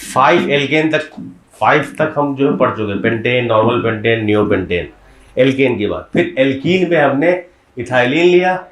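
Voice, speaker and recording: A male teacher lecturing a class in a medium voice, breaking things down step by step and checking in with students through frequent questions. The sound is roomy, with a clear echo from the classroom walls. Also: mid-range voice, lively intonation, normal speed. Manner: explains step by step, often quizzing students. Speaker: chemistry teacher.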